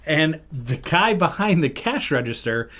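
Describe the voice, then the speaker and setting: A man's voice: a little high, sing-song, a little slow, fairly bright tone. Rambling middle-aged male podcast host. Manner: rambling, self-interrupting anecdotes. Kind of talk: casual storytelling.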